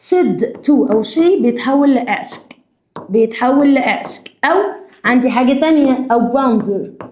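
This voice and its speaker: A woman with an Egyptian accent teaching an English grammar lesson. She dictates slowly and often checks in with her students. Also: high voice, expressive, darkish tone, echoey room, slight background noise. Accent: Egyptian Arabic.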